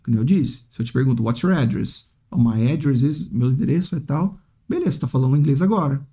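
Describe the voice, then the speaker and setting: A man's voice: medium pitch, lively intonation, quick pace, dark tone. A man teaching English in a casual, chatty monologue, often ending phrases with tag questions and acting out hesitant students. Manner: chatty, frequent "né?" tags, acts out hesitant students.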